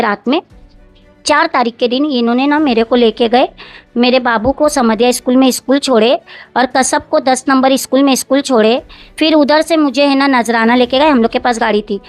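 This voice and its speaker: Giving a long interview account of past events, a woman with a high voice circles back, repeats herself and directly quotes what others said. Faint music plays behind her, and there's no room sound.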